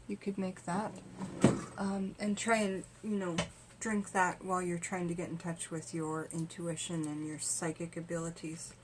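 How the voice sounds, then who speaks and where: Chatty woman with a low voice. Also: slight background noise. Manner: rambling, conversational, many fillers and restarts. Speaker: tarot vlogger. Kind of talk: casual chat.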